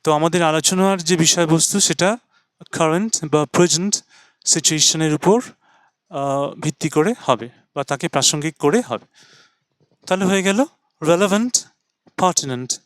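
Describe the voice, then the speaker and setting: A man teaching English pronunciation, mixing explanation with English words, spelling words letter by letter and repeating them slowly. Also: a little high, no echo, clean studio sound. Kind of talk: slow spoken lesson.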